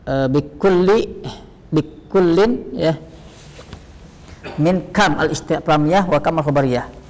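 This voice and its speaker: A man teaching an Arabic grammar lesson, explaining slowly, repeating terms and asking questions that he answers himself. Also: fairly high pitch, a little mellow, long reverb tail.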